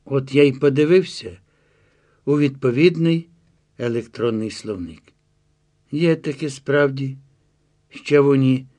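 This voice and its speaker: A man's voice: mid-range voice, darkish tone, lightly acted. A man reading the lines of a chatty, self-assured guide who explains his reasoning with confiding asides.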